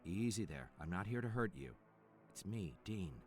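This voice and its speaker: A very low male voice over clear background music. a calm, firm survivor in a video game, talking people round in a businesslike, reassuring way. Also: normal speed.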